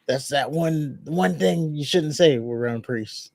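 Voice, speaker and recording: A man's voice: a little high, takes it slowly, creaky, a little mellow, no room sound. A man co-hosting a casual podcast, making his points firmly and explaining them with sports comparisons. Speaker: podcast co-host. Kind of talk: casual chat.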